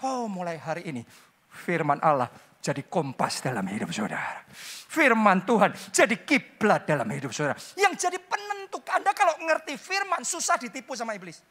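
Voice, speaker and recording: A pastor preaching a sermon in an animated way. The delivery swings between quiet asides and loud, emphatic lines, repeats phrases for emphasis and drops in short English phrases. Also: mid-range voice, normal speed.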